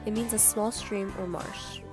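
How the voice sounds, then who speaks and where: A woman's voice: mid-range voice, measured pace. Brief: woman student narrator, scripted, music bed. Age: young adult. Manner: even, explanatory reading. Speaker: student presenter. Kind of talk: scripted class presentation narration.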